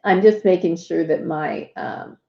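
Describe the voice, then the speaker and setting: A woman hosts a casual live walkthrough and talks slowly, with plenty of fillers and small asides. Her voice sits at a middle pitch. It sounds roomy and a little dull. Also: creaky. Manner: chatty, lots of fillers and asides. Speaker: host.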